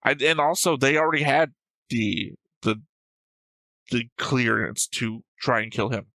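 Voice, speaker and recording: Taking his time, a man with a bright, forceful mid-range voice talks through anime plot theories on his reaction show. He's argumentative, swears casually and reasons aloud, captured close and dry with no room sound on poor audio.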